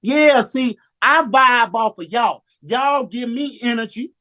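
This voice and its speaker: A man giving a preacher-style motivational talk on a Zoom call, animated and slang-heavy, calling on listeners to answer back. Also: very high voice, slow.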